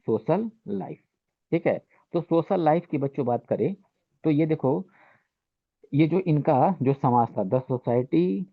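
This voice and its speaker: In an exam-prep lecture delivered in Hindi mixed with English terms, a man with a mid-range voice poses questions and answers them himself. He says "ठीक है" after nearly every point, and the recording is dry with a narrow, phone-like sound.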